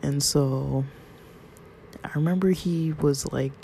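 A man from Southern California recounts a personal story in a loose, rambling monologue. His voice is dark and mellow, with a gravelly fry running through it, and a faint hiss sits behind him. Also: a little high, takes it slowly. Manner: rambling, conversational, quotes others in passing. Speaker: vlogger.

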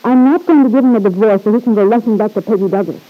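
In an old-time radio drama, an actress plays a proud, hard-edged young married woman, delivering cool, sardonic retorts in a defiant, determined mood. Her mid-range voice races, lightly acted, with faint music behind. The recording is dull, lo-fi and vintage.

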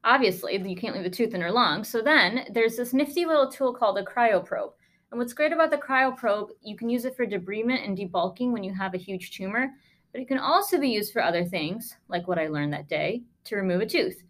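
A woman's voice: mid-range voice, animated, brisk. A woman podcast host, a lung doctor, telling a case story in a conversational, emphatic way with sarcastic asides.

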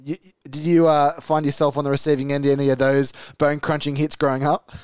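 A man's voice: on the high side, level tone, fast talker, darkish tone, clear, resonant tone, no echo, clean studio sound. A man hosting a podcast, asking long, thorough questions with small restarts. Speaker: podcast host. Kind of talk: interview questions.

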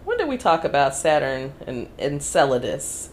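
A woman co-hosting a casual podcast chat in an animated, chatty manner. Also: low-pitched, moderate pace, a little hiss or hum. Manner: animated, chatty, laughs often. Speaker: podcast co-host.

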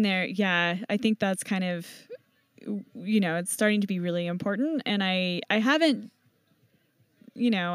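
A woman who races mountain bikes professionally, answering interview questions in a relaxed way and thinking aloud with many fillers and restarts. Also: medium pitch, smooth, dry recording, clean studio sound. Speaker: professional mountain bike racer and team owner.

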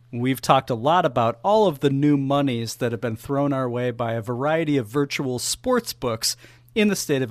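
A man's voice: fairly high pitch, a bit bright, no room sound. A man hosting a podcast, introducing a segment and cracking dry jokes in casual banter. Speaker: podcast host.

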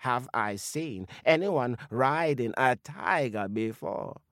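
A man's voice: medium pitch, expressive, takes it slowly, a bit bright, no echo, studio quality. A storyteller voicing a skeptical hen woman who clucks her exclamations. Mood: doubtful.

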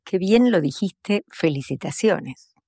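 A woman's voice: lowish voice, lively intonation, slow pace, dark tone, slightly rough, no room sound. A woman with a Rioplatense Spanish accent co-hosting a podcast, explaining things at length in a digressive, reflective way. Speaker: podcast co-host. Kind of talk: casual podcast chat.

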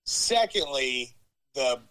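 Measured man explaining over speakerphone. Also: mid-range voice, sing-song, sharp tone. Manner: measured, explains with examples and "right?" checks. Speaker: experienced entrepreneur giving advice. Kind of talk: explanatory business advice. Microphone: phone on speaker.

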